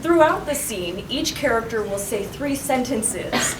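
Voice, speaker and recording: A woman's voice: on the high side, lively intonation, measured pace, noisy background. A woman on a cosplay panel explaining the next game in a bubbly, giggly way. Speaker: cosplay panelist running the games. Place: large convention hall. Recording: echoey hall, distant mic, loud crowd.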